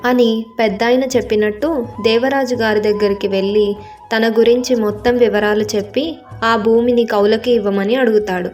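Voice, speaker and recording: A woman narrating a children's storybook cartoon at a steady pace. Her voice sits slightly high, and a soft music bed plays beneath her. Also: normal speed.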